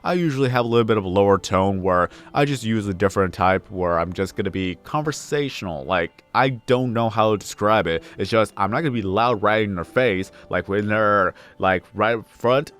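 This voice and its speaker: A young gaming YouTuber with a deep baritone gives casual let's-play commentary, rambling, correcting himself, and repeating phrases. He talks at a moderate pace with hardly any pauses, his fairly bright tone pumped up with extra energy for the video.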